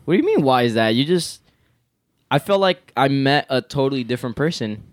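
A man's voice: mid-range voice, expressive, a little fast, dry recording, studio quality. A young man co-hosting a casual podcast, laid-back and slangy, often saying yo and bro. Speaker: podcast co-host.

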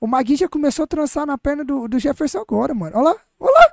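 A man's voice: very high-pitched, sing-song, fast talker, gravelly, crowd noise. A man, pushing his point in a sports podcast debate and urging the others to watch the replay. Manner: insistent, keeps urging others to look at the replay. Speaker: podcast panelist.

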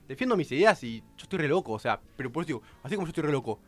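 Fast, excitable Rioplatense man. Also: fairly high pitch. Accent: Rioplatense Spanish. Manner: rapid, excitable, many restarts. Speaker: radio show host. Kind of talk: heated radio panel debate.

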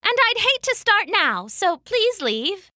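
A woman's voice: very high voice, big pitch swings, takes it slowly, bright, forceful tone, no echo, clean studio sound, pitched above the performer's own voice, full character voice. A woman voicing a proud, defiant young female weaver who talks back boldly and scornfully.

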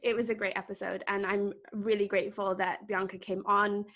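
A woman's voice: medium pitch, little pitch movement, a little fast, fairly bright tone. A woman co-hosting a podcast, upbeat and chatty, introducing the guest. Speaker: podcast co-host. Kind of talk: casual podcast chat.

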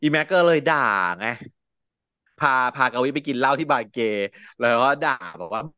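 A man recapping a drama episode as a podcast co-host, casual chat, acting out characters' lines with lively retelling. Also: medium pitch, normal speed, smooth, no room sound, studio quality. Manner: animated retelling, acting out quoted lines, frequent laughs.

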